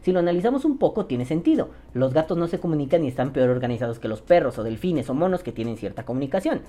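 Low, mellow Mexican woman, slangy host. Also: sing-song, quick pace. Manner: profane, slangy, joking. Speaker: podcast host. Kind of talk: casual podcast reading listener comments.

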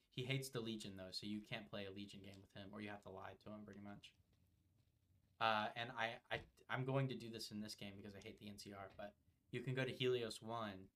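Rambling young man with a low voice. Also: fairly bright tone. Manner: loose and rambling, heavy on fillers and casual swearing. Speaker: podcast co-host. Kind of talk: casual chat while playing a video game.

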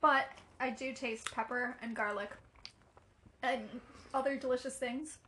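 A woman's voice: high-pitched, fairly even intonation, unhurried, a bit bright, a little hiss or hum. A woman co-hosting a casual podcast, making dry, wry remarks. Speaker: podcast co-host. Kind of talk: casual chat.

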